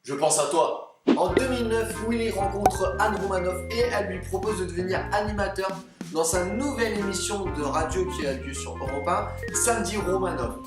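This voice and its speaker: A woman's voice: mid-range voice, normal speed. A woman in her twenties hosting a video with chatty narration and playful, theatrical asides. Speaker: video host. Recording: roomy, distant mic, loud music. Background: loud music.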